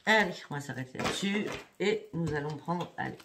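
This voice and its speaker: A woman's voice: deep voice, fairly quick. A woman doing a tarot reading for her viewers, speaking in a chatty way and often checking in with "hein" and "d'accord". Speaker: psychic card reader. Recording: steady background noise with clicks.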